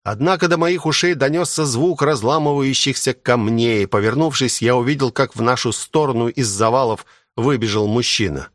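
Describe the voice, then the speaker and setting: A man reading a first-person adventure audiobook with steady dramatic storytelling. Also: mid-range voice, normal speed, hardly any pauses, no room sound, clean studio sound. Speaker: audiobook narrator.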